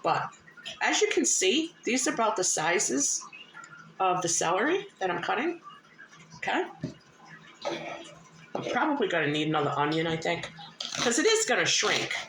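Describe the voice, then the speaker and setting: A woman's voice: medium pitch, big pitch swings, moderate pace, pauses often. A woman giving a casual home cooking demonstration in a homely, plain-spoken way, a little short of breath as she recovers from illness. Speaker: host of a home cooking vlog. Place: indoors at home, in a kitchen. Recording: roomy echo, clear background noise.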